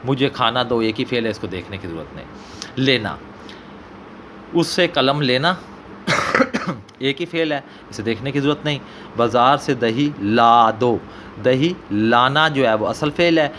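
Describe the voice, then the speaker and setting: A man with a Pakistani Punjabi accent, an Urdu teacher working through an exam paper and slowly repeating example sentences. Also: medium pitch, a bit bright, a little hiss or hum.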